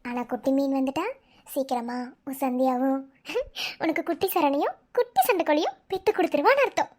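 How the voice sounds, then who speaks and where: A woman voicing a spirited, teasing young pregnant wife in a cartoon, with a Madurai accent and a lively, coaxing way of talking. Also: high voice, a little fast, lightly acted. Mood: playful. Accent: Madurai Tamil.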